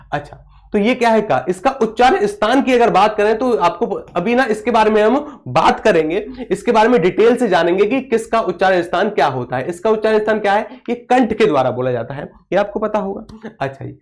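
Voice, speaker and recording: A man's voice: sits high, animated, a little fast. A man teaching a live online class, asking questions and answering them himself, and stopping to reply to viewer comments.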